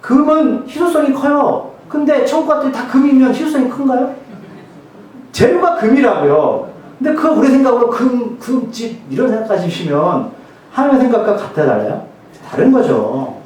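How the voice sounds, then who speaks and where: A man's voice: very high voice, big pitch swings, a little fast, a little mellow. A male pastor preaching a sermon in a church. He talks casually, makes jokes, and keeps asking the congregation questions. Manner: joking, conversational, many rhetorical questions. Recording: very echoey hall, mic far off.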